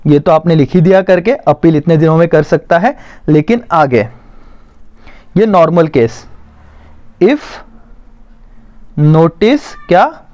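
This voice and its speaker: Man, commerce teacher, very animated pitch, slow dictation then quick explaining. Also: highs cut off. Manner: dictates slowly, then explains in fast Hindi. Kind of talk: exam-prep lecture.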